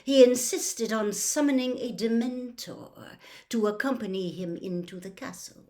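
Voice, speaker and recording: A woman voicing a controlled, cool male professor, measured and disdainful, in a storybook reading. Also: on the high side, dark tone, voice pushed up, natural voice.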